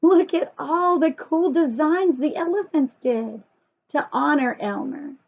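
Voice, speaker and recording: Over gravelly, dull audio, a high-voiced female storyteller and teacher reads aloud to young children at a slow pace. Her delivery is sing-song and expressive, and between passages she chats with the little viewers and poses questions to them.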